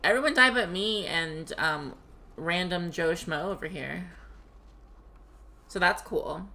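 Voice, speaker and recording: A woman giving casual, animated let's play commentary, talking to the game and her viewers. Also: lowish voice, slow. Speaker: game streamer.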